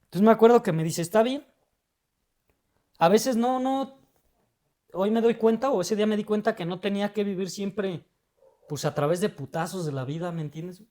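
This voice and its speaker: A young adult male guest with a Mexican Spanish accent tells a personal story in a casual, emotional, slang-heavy way, dropping a tag word into nearly every phrase. His voice is high and darkish in tone, and he talks briskly.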